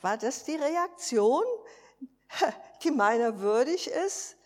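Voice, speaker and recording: A woman voicing the Holy Spirit as a quiet, gentle divine voice that chides her softly during a sermon. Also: sits high, lively intonation, slow, big-room sound, exaggerated voice. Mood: gently chiding.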